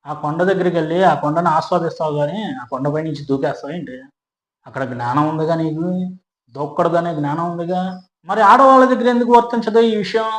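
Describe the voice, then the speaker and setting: A man giving an argumentative commentary monologue, full of rhetorical questions and "hm?" tags after each point. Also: high-pitched. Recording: echoey room.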